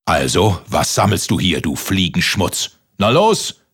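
A man voicing a huge, gruff male giant in a children's story, bellowing threats and insults. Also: on the low side, big pitch swings, unhurried, fairly bright tone, full character voice. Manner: bellowing, threatening, name-calling.

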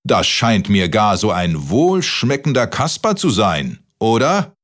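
A man voicing a huge, gruff male giant in a children's story, bellowing threats and insults. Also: fairly low pitch, very animated, measured pace, a bit bright, pitched above the performer's own voice, heavily acted. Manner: bellowing, threatening, name-calling.

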